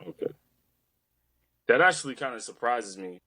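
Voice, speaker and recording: A man co-hosting a casual sports chat over a remote call, his audio cutting in and out, talking in a relaxed way with fillers. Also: medium pitch, normal speed, no room sound. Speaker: podcast co-host. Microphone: remote call mic. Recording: dry call audio that drops out.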